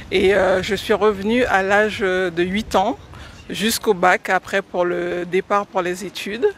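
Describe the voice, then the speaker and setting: A woman from French Guiana in her forties, answering radio interview questions about teaching with hesitant pauses and many fillers. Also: on the low side, gravelly, slight background noise. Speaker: guest, educator.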